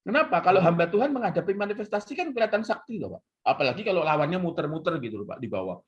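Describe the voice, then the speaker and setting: A man teaching as a pastor in a relaxed conversational way, telling stories and acting out the voices in them. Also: high-pitched, very fast, slightly rough, highs cut off. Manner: animated storytelling, acts out quoted voices.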